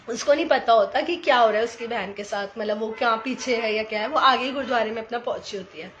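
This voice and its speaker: A woman sharing a personal devotional testimony in an animated storytelling way, slipping English phrases into her talk. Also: fairly high pitch, lo-fi sound, a little hiss or hum. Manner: addresses listeners as sangat ji.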